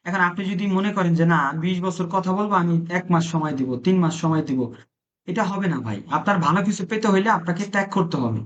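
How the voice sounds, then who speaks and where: A man's voice: high-pitched, moderate pace, a bit bright. A man teaches a live-streamed classroom lesson. He keeps asking his students questions and then repeats the answers back to them. The recording is dull and lo-fi. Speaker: Italian language teacher.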